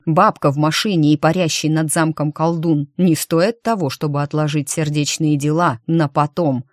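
A cocky young sorcerer in an audiobook fantasy story, read by a woman. He is curt and commanding, carried in her low voice. The recording is close and dry. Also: fairly even intonation, normal speed, no room sound, natural voice. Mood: impatient. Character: arrogant young dark-haired sorcerer.

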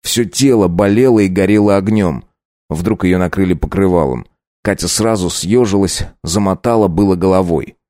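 A man narrating a dark audiobook in a steady storytelling voice. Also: sits low, moderate pace, dry recording, clean studio sound.

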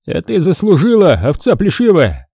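A man's voice: high voice, wildly swooping pitch, normal speed, creaky, warm tone, breathy edge, dry recording, clean studio sound, pitched above the performer's own voice, exaggerated voice. A man voicing an arrogant young male student who mocks and lords it over others with condescending sneers. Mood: sneering. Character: arrogant mocking male student, power-drunk, giggling.

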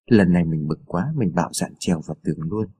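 A man voicing a daring but gentle young boy, speaking quietly and earnestly in a husky voice. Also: low voice, animated, fast talker, voice pushed down.

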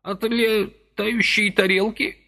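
A man voicing a fussy, excitable little old man in a high, animated, easily indignant voice for an audiobook. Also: slow, creaky, full character voice. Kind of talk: audiobook character voice.

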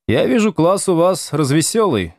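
A stern young schoolteacher, as the male reader puts him on, giving curt orders to an unruly class. His speech rises and falls with lively intonation. The sound is close and dry. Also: fairly high pitch, normal speed, no room sound, pitched above the performer's own voice. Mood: calm greeting. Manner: curt, commanding.

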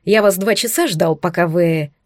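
A woman's voice: on the low side, moderate pace, a little mellow, no room sound, studio quality, close to an everyday voice. A woman voicing a teasing young adult brother who snorts and bosses others around. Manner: mocking, bossy.

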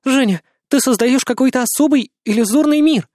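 A man reading an audiobook voices a frightened young woman TV colleague, raising his voice high and tense. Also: fairly quick, darkish tone, no echo, studio quality. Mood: earnest. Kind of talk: audiobook character voice.

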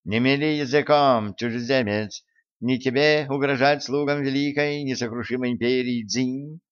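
A man's voice: mid-range voice, fairly even intonation, normal speed, clean tone, no room sound, dull audio, voice pushed up, lightly acted. A man voicing a petty, smug imperial scribe who speaks disdainfully to petitioners in an audiobook. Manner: disdainful, dismissive.

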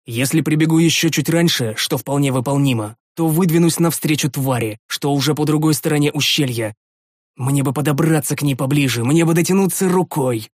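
A man's voice: a little high, brisk, no echo. A man narrating a fantasy audiobook in the first person, tense and dramatic, recorded on a studio microphone.

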